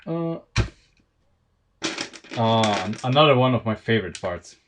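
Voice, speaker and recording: A Slovenian-accented man talks slowly and unhurriedly as he builds a Lego set on a live stream, thinking aloud and restarting his sentences. There is clear background noise and the clatter of keys on the track. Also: mid-range voice, expressive. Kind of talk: casual live-stream chat while building.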